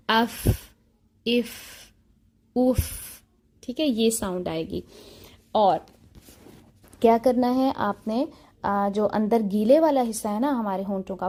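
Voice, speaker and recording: Patient woman teaching recitation, higher voice. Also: warm tone. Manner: patient, explanatory, repeats key points. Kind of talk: online tajweed lesson.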